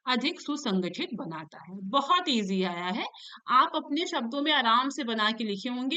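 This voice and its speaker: A woman's voice: high-pitched, bright, forceful tone, clear, resonant tone. A woman teacher walks students through an exam paper, explaining each answer and often checking in with them. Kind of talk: exam paper walkthrough lesson.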